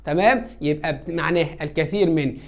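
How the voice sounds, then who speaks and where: A woman's voice: low voice, fast talker. A woman with an Egyptian Arabic accent teaching an English grammar lesson, coaxing students and answering her own questions.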